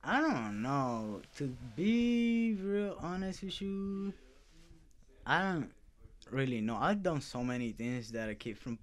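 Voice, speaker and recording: A man's voice: a little high, sing-song, slow pace, slight background noise. Man, loose profane talk. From Puerto Rico. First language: Spanish. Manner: loose, profane street talk with many fillers. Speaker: clothing brand founder. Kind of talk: casual interview answers.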